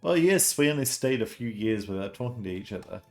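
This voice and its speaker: A man's voice: medium pitch, animated, brisk, faint music behind, natural voice. A man voicing a haughty, gossipy noble aunt in a video game, with theatrical, scandalized exclamations. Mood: indignant.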